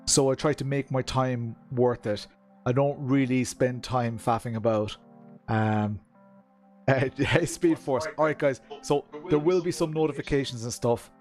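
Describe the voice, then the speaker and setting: An Irish man with a west of Ireland accent from Kerry talks casually as a stream host. His voice sits at a middling pitch. There is music in the background as he addresses his viewers. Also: steady tone, measured pace, darkish tone. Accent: Irish, County Kerry in the west of Ireland. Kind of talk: casual chat with stream viewers, reading comments.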